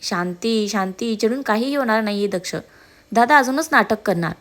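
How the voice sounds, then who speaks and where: A woman's voice: fairly high pitch, normal speed, natural voice. A woman doing a playful, confident young bride. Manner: calm, playfully firm.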